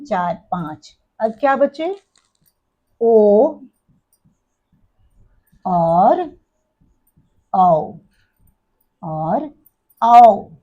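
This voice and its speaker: Slow, patient woman teaching a lesson. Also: mid-range voice, dark tone. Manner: explains step by step, asks the class questions; counts items aloud and corrects her own slips. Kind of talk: exam-prep lesson. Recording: dull lo-fi recording.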